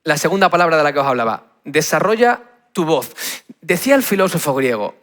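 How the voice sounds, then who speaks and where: Guy from spain giving a youth talk, kinda high voice, punchy, keeps asking the crowd "right?". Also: expressive, brisk, a bit bright. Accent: Spain Spanish. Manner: punchy, asks the crowd "¿sí?" over and over. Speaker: youth speaker. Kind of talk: energetic youth talk to a live audience.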